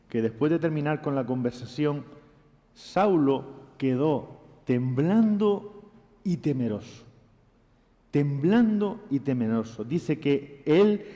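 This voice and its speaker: Male preacher, slow deliberate delivery, emphatic repetition, church hall reverb. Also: mid-range voice, warm tone. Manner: emphatic, repeats key phrases, tags with rhetorical questions. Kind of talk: sermon. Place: church sanctuary.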